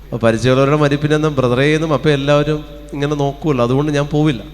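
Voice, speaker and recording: Fervent Malayalam preacher in a hall. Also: male voice, a little high, steady tone, rapid-fire. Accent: Keralite Malayalam. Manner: fervent, calls out hallelujahs, rhetorical questions. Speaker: retreat preacher. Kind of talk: sermon. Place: retreat centre hall. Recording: long hall reverb.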